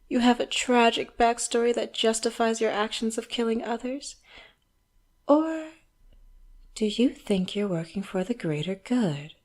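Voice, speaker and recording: A woman with a mid-range voice performs a scripted audio roleplay monologue to the listener as an elegant, wealthy villain boss. Her interrogation is coolly menacing and condescending, delivered slowly in a theatrical, mock-polite, taunting way, with occasional drops into hushed asides.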